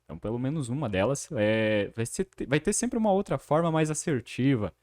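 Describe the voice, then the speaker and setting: A man's voice: medium pitch, expressive, darkish tone, no room sound. Man talking over a dry close mic. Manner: thoughtful, halting with fillers. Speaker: podcast interviewer. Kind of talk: casual chat.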